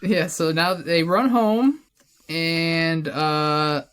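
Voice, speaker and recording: A man's voice: on the high side, steady tone, very slow, a bit bright, clean tone. A man co-hosting a podcast in a jokey, casual book discussion, asking the others questions. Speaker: podcast co-host. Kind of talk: casual chat recapping a book.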